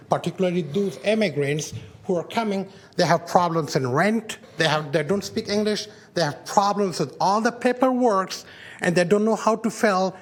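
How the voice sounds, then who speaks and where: This is a man with a high, bright-toned voice, speaking at a podium microphone in a meeting chamber. He delivers earnest, upbeat public remarks, correcting himself as he goes. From Afghanistan. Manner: earnest and upbeat, with self-corrections and translated asides. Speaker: parent program graduate addressing a commission. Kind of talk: public remarks in mixed Spanish and English.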